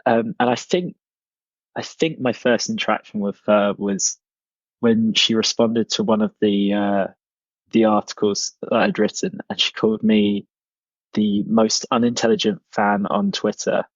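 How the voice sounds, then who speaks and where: A man's voice: lowish voice, little pitch movement, no room sound. Hesitant man on a dull lo-fi recording. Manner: halting, hesitant with many restarts. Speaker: interviewee, former fan columnist. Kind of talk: recorded interview recollection.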